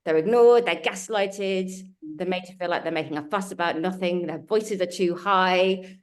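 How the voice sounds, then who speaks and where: On a webinar held over a video call, a woman from a culture change consultancy speaks as a panelist. Her voice sits on the low side and moves at a normal speed, and she is earnest and emphatic, building her points in lists.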